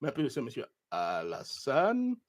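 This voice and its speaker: Speaking slowly in a medium-pitched voice, a male talk show host offers indignant political commentary on a live broadcast. He's animated and looks things up online as he goes.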